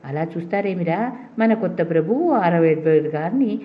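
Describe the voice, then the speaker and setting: A woman's voice: lowish voice, animated, normal speed, close to an everyday voice. Brief: sneering beggar gang chief, a grown man, read by a woman, lo-fi storybook. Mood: mocking. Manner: mocking. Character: mocking adult male beggar gang leader. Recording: dull lo-fi recording.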